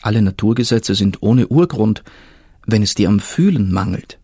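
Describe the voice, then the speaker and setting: A man voicing an ancient, patient, all-knowing river spirit in a storybook reading, speaking in a solemn murmur with a husky tone. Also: lowish voice, lively intonation, normal speed, mellow, no room sound, studio quality.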